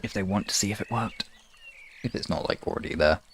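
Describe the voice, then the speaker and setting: A man with a deep, fairly bright voice and vocal fry talks fast during a casual live stream where he hosts relaxation sessions as a hypnosis ASMR streamer. His chat is hesitant, rambling and self-questioning, with slight background noise.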